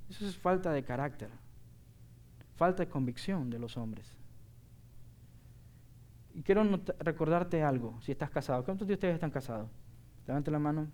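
A man's voice: on the high side, lively intonation, moderate pace, pauses often, a little mellow. A middle-aged man preaching a sermon as pastor, earnest and emphatic, asking the congregation rhetorical questions.

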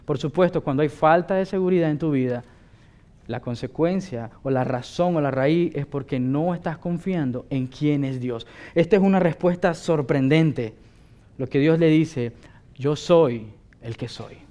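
Male pastor with a high-pitched voice, preaching an emphatic sermon. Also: moderate pace, warm tone. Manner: emphatic, asks listeners rhetorical questions.

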